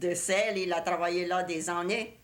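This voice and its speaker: A woman's voice: on the low side, steady tone, moderate pace. An older woman from Louisiana with a Cajun French accent, chatting about family memories in plain, repetitive phrases. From Louisiana, USA. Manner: plain, repetitive phrasing with occasional English words. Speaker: interviewee recalling family life. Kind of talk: casual oral-history conversation.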